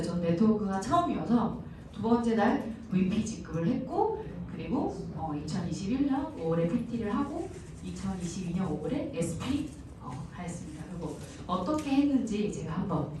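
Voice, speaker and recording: A woman's voice: medium pitch, background noise. A woman in her thirties giving a seminar talk to a live audience, chatting and asking the crowd questions. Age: 30s. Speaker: seminar speaker. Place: large hall. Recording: echoey hall from far off.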